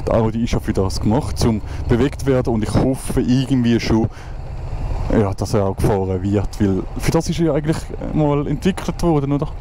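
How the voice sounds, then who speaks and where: A man's voice: medium pitch, a little fast. A Swiss man in his twenties with a Swiss German accent, chatting casually as a motovlogger while riding through traffic, rambling with many restarts and fillers. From Switzerland. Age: 20s. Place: outdoors on a motorcycle in traffic. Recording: road and wind noise behind the voice.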